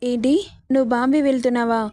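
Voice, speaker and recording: A woman's voice: fairly high pitch, flat delivery, fast, dark tone, dry recording, clean studio sound, close to an everyday voice. A woman voicing a naive, heartbroken young female student in a spoken story, pleading. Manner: pleading, later childlike.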